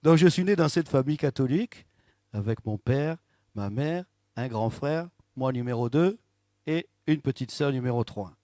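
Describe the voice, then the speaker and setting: A man's voice: medium pitch, moderate pace, dry recording. Dry, close-miked male pastor preaching. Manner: lively, often asks the congregation "n'est-ce pas?" and jokes. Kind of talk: church testimony and sermon. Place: church service. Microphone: handheld microphone.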